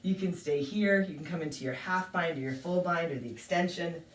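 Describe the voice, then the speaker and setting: A woman teaching a yoga class, calmly calling out poses and breaths with a touch of self-deprecating humor. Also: fairly low pitch, a little fast, slight background noise. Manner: calm cueing with light self-deprecating humor. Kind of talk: guided yoga class instruction. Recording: echoey room, mic at a distance.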